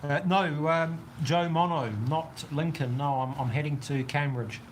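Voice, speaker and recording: A man's voice: on the high side, fairly even intonation, unhurried, a little hiss or hum. A man with a New Zealand accent chatting casually on a livestream, rambling as he answers viewer comments from an outdoor shelter. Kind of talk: casual live chat reading comments. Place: outdoor weather shelter on a golf course.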